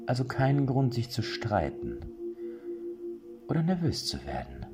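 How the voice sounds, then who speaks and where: A man's voice: mid-range voice, huge pitch swings, unhurried, music in the background, voice pushed up. A man voicing a cold, commanding older woman who leads a band of kidnappers in an audiobook story. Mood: cold calm. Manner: icy, curt, impatient.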